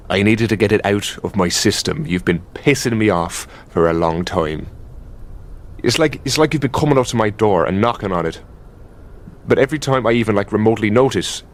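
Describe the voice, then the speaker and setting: A man plays an Irish elder demon boyfriend in an intimate ASMR roleplay monologue, speaking in a fairly low voice. Weary and exasperated, he's possessive and mocking, talking haltingly and conversationally with plenty of swearing.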